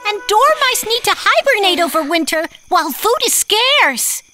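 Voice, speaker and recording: A woman voicing an expressive, fretful mother dormouse in a children's cartoon. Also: very high-pitched, moderate pace, music in the background. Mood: pleading.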